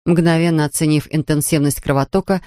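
An audiobook narrator reading in a tense, measured way at a middling pitch. The recording is dry and close, with no room echo. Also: fairly even intonation, mellow.

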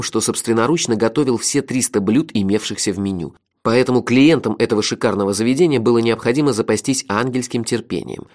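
Brief: man, audiobook narration, animated pitch, wry tone. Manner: wry, expressive storytelling.

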